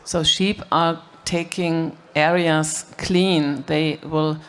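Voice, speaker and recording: A panelist talking in a halting way, with fillers, on a stage panel. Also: male voice, on the high side, level tone, fairly bright tone, clean tone. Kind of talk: panel discussion.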